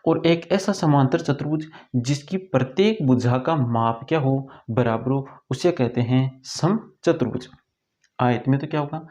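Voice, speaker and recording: A man's voice: medium pitch, warm tone. A man teaching a school math lesson in Hindi, asking questions and then answering them himself. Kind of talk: classroom lesson explanation. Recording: dull lo-fi recording.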